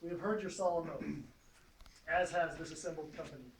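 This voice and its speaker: A man presiding over a knighting ceremony in a solemn, regal, formal and measured declamatory way. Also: fairly high pitch. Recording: echoey, distant mic, faint noise, clicks.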